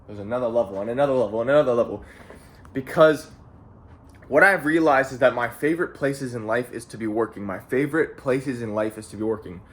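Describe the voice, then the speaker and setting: This vlogger, a late-teens young man from Canada, speaks to camera at home in a mid-range voice that's fairly quick with a fairly bright tone. The young adult rambles through a casual, profane motivational monologue, repeating phrases and dropping "bro" often.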